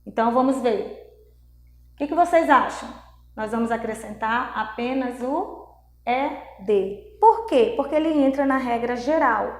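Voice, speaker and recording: A woman from Brazil teaching English grammar in a video lesson, explaining step by step, checking in often and reading English examples slowly. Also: a little high, darkish tone, reverberant.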